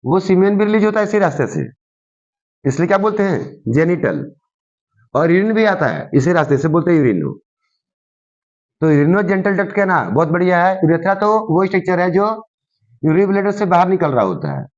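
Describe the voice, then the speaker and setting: A science teacher, a man, explains a diagram and says each key term twice. He keeps asking the listener what each part is called, in a high voice. The recording sounds muffled and lo-fi. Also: sing-song, brisk. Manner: repeats key terms and quizzes the viewer with "what is it called?". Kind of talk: explaining a diagram in a class lesson.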